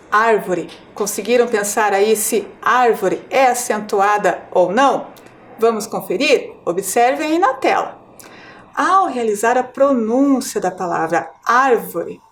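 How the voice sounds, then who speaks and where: A woman teacher with a Brazilian Portuguese accent giving a televised lesson to children, explaining slowly and clearly, syllable by syllable, and checking in with questions. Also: on the high side. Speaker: primary school teacher.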